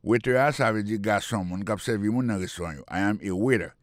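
A man's voice: fairly low pitch, a little fast, no echo, clean studio sound. A man hosting a radio language lesson, patiently repeating phrases and spelling words out letter by letter. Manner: explanatory and patient. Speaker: English teacher and radio host.

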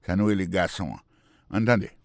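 Speaking low with some vocal fry at a moderate pace, this radio host and English teacher runs a language lesson. He explains patiently, repeating phrases and spelling out words one letter at a time.

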